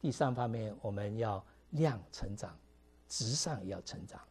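A man's voice: fairly low pitch, normal speed, a little mellow, slightly rough. A middle-aged man, preaching a conversational sermon to his congregation with many fillers. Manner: conversational preaching, mixing English words, frequent fillers. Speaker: pastor.

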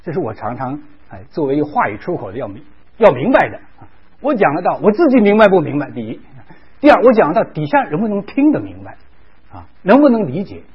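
A man's voice: on the high side, wildly swooping pitch, fast, slightly rough. A man preaching a sermon, telling a story with animation, acting out quoted voices, and dropping in English words. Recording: dull lo-fi recording.

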